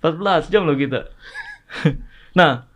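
A man with a high voice sits in for casual podcast chat. He tells his story animatedly and raises his voice to act out each person's lines. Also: a little slow. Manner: animated, acts out quoted exchanges in a raised voice. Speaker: podcast guest.

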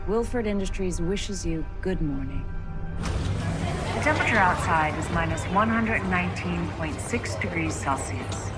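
An actress playing an onboard announcer, making a calm, formal public-address announcement over a loudspeaker. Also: female voice, on the low side. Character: composed female train announcer.

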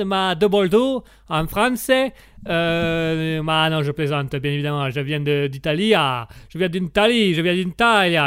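A man voicing a chatty Italian pasta maker in a put-on Italian accent, speaking slowly and haltingly and filling gaps with "ma". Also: high-pitched, fairly bright tone, clear, resonant tone, no echo, studio quality. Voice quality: slow and halting, fills gaps with "ma".

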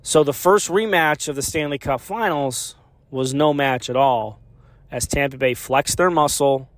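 A man's voice: mid-range voice, a little slow, dry recording. Guy breaking down a hockey game after the final horn, chatty, hammers his points by saying them twice. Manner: conversational, emphatic repetition of key points. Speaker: hockey beat reporter. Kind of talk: post-game analysis monologue.

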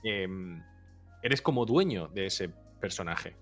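Male co-host, low register, animated film banter, faint music bed. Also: takes it slowly. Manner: animated, acts out quotes with loud outbursts and laughs. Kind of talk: casual film chat.

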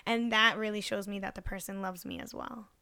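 A woman's voice: medium pitch, brisk, clean tone, no room sound. A young woman in casual podcast chat, talking freely with lots of fillers. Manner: chatty, many fillers, animated.

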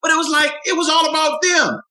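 An older man who mentors youth, talking earnestly in an interview, often repeating himself and rising in pitch when moved. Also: little pitch movement, quick pace, bright, forceful tone, poor audio. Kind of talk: heartfelt conversational interview.

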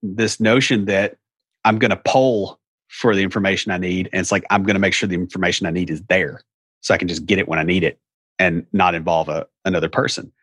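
A man's voice: low voice, fairly even intonation, brisk, a bit bright, husky, dry recording, clean studio sound. A middle-aged man with an Appalachian hillbilly accent, casually explaining things in a folksy, wry way with rambling asides. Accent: Appalachian hillbilly, Southern US.

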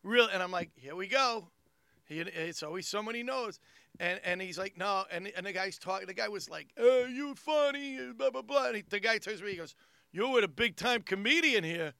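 A man with a thick Long Island accent telling a casual comic story, repeating phrases haltingly and acting out the dialogue. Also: high-pitched, gravelly, pushed and bright, no room sound, studio quality. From Long Island, New York. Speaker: comedian.

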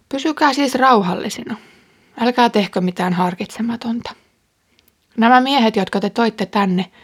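A woman reading out the words of a male city clerk calming an angry crowd, in a firm, admonishing manner. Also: mid-range voice, slightly rough.

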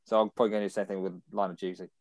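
A man's voice: low-pitched, little pitch movement, racing, darkish tone, no room sound. Chatty young British man telling stories. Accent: British English. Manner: rambling storyteller who laughs often. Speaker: podcast co-host. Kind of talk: casual chat.

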